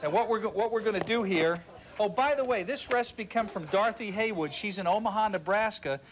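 High-voiced man running a cooking demo. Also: fairly quick. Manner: joking, instructive, talks over his co-host. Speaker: cooking segment host. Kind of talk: live TV cooking demo banter.

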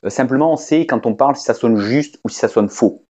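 French-speaking male teacher, casual talk to camera, halting and chatty, slightly muffled recording. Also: mid-range voice, dark tone. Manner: hesitant, many fillers and restarts, conversational. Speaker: English teacher. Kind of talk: casual spoken lesson to camera.

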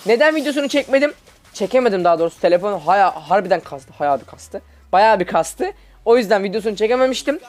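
A young man, a student, giving excited live commentary over his own mobile gameplay, chatty and teasing his teammates. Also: high voice. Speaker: gaming video host.

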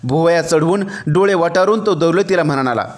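Man reading a novel aloud, higher voice. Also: normal speed. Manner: expressive storytelling. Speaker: audiobook narrator.

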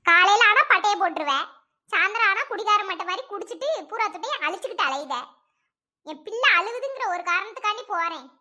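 A woman's voice: very high voice, expressive, fast talker, sharp tone, heavily acted. A woman playing a fed-up village wife who scolds her husband. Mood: scornful. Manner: scolding, sarcastic. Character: nagging village wife, sharp-tongued and fed up.

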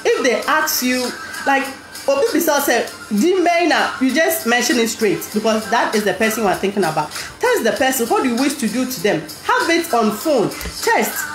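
A woman's voice: on the high side, big pitch swings, moderate pace. A woman in her thirties with a Ghanaian accent, giving informal advice to camera in an emphatic, teacherly way, with rhetorical question tags. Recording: echoey small room, music behind.

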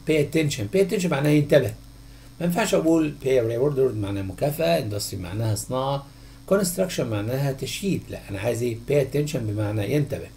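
A man with an Egyptian Arabic accent, a teacher going through textbook answers, who questions the class and then answers himself in a drawn-out voice. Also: mid-range voice, gravelly, dark tone, a little hiss or hum. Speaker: English teacher.

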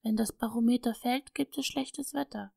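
A timid, remorseful little girl from an old storybook, her voice lifted above the reader's own and faltering as she pleads. A woman acts her out with a slight gravelly edge. The recording is dry and close. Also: fairly high pitch, steady tone, normal speed, mellow, no echo.

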